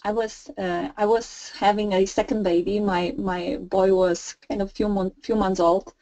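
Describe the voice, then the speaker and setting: A woman's voice: mid-range voice, fairly even intonation, unhurried, gravelly, dark tone, no room sound, rough recording. A woman in her thirties from Poland with a Polish accent, a non-native speaker of English, chatting as a guest on a remote call in a friendly way. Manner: friendly, laughs easily, slightly non-native phrasing. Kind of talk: casual interview chat.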